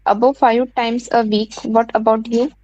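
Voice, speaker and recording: A woman's voice: fairly high pitch, level tone, normal speed, darkish tone, dull audio. A woman student reading her part of a textbook dialogue aloud in an online class.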